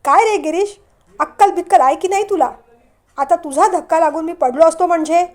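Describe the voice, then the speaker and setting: Brief: woman reader doing a strict older father in a family storybook, scolding hard, high-pitched. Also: expressive, normal speed. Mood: angry scolding. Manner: shouting scolds. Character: stern older father, scolding loudly, then gentle.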